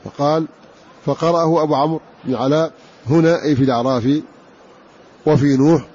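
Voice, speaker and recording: Guy teaching quran readings, dark husky voice, drags out words n repeats them, muffled old recording. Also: on the high side, fairly even intonation. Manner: explains slowly, repeating and drawing out key words. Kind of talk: scholarly lecture on Quran readings. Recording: dull lo-fi recording.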